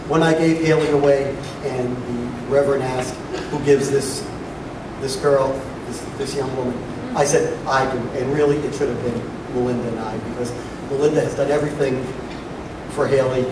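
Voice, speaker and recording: A middle-aged man giving a father of the bride speech at a wedding reception, speaking deliberately with pauses and dry humor. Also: medium pitch. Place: large room at a wedding reception. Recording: echoey reception hall, distant mic, noisy crowd. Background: guests and crowd noise.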